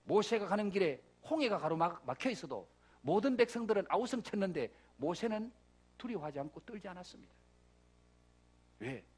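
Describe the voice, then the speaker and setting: High-voiced animated male pastor preaching. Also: a little fast, breathy edge. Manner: dramatic, acts out dialogue between God and Moses; rises to emphatic preaching. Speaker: senior pastor. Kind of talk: sermon.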